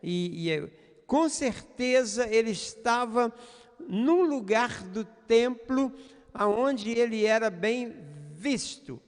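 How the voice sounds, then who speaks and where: A pastor preaches to his congregation, earnest and conversational, often checking in with his listeners. His voice sits high for a man. A long reverb from the church room hangs after his words. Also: expressive, takes it slowly. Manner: earnest, addresses the congregation, frequent "né" fillers. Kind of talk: sermon.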